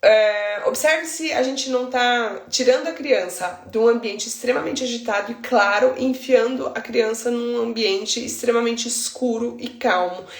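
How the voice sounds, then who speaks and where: Speaking with a Brazilian Portuguese accent, this baby sleep consultant gives a casual lesson on routines, leaning on homely examples and tag questions that keep checking in with the listener. Her fairly high, creaky voice moves at a moderate pace with few pauses, and the recording is reverberant.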